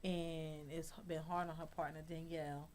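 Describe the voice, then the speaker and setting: A woman guest on a talk show, a fashion designer telling stories in a blunt, chatty way and jumping into a high voice to act out what people said. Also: normal speed, slight background noise. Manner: lively storyteller, acts out quotes in a high voice; blunt, chatty, says "honey" often. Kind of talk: casual talk-show interview.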